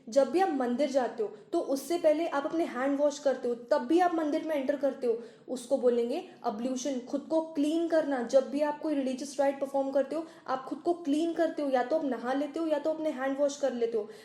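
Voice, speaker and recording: High-voiced Indian woman teaching vocabulary. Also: warm tone, echoey room. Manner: slow, carefully spelled-out English words, explaining in Hindi. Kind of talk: Hindi-English vocabulary lesson.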